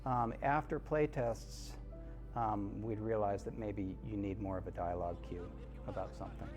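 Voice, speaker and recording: A man's voice: lowish voice, fairly even intonation, moderate pace, over music. A man talking casually as a game developer in a documentary interview.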